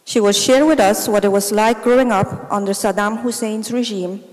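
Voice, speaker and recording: A middle-aged woman giving a prepared speech as a volunteer, measured and formal, delivered in short phrases. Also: mid-range voice, fairly even intonation, a little mellow. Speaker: volunteer speaker. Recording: long reverb of a large hall.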